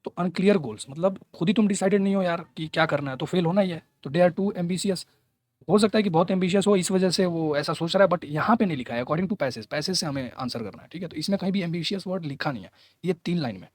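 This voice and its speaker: Fast-talking man teaching exam tips. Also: sits high, no room sound. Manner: chatty, mixes English terms into Hindi, reads passage quotes slowly. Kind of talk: casual tutorial walkthrough.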